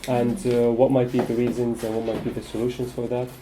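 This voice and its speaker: A man facilitating a casual group discussion, speaking hesitantly with many filler pauses. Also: mid-range voice, little pitch movement, warm tone, slight background noise, poor audio.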